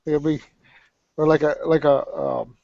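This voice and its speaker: A man with a slightly high voice talks bluntly and profanely in casual hobby chat. The sound is dry and a little dull. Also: little pitch movement, a little slow, vocal fry, darkish tone, dry recording. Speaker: webcast panelist. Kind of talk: casual hobby chat about tabletop wargaming. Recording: dull, dry webcast audio.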